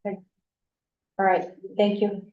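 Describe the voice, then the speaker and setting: A woman chairing a town meeting, brisk and businesslike with short prompts. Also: medium pitch, monotone, reverberant, highs cut off.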